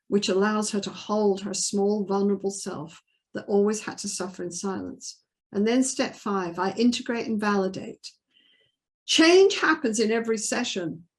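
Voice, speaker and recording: A woman therapist teaching a training session in a mid-pitched voice. She walks listeners through a client session and drops to a quiet, gentle tone when quoting it. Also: moderate pace. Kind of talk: teaching talk with case example.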